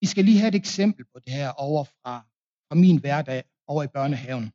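A man's voice: on the high side, lively intonation, mellow, lo-fi sound. A man preaching a confirmation sermon in a Danish accent, telling a plain story with fillers and restarts.

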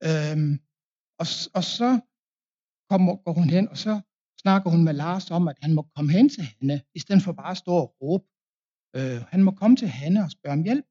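A man's voice: sits high, mellow, dull audio. A man preaching a confirmation sermon in a Danish accent, telling a plain story with fillers and restarts.

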